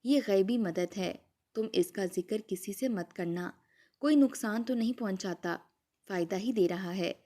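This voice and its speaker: A caring, anxious mother speaks gently and reassuringly to her daughter in a story, voiced by a woman narrator. Her tone is mellow and warm. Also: mid-range voice, close to an everyday voice. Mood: worried, reassuring.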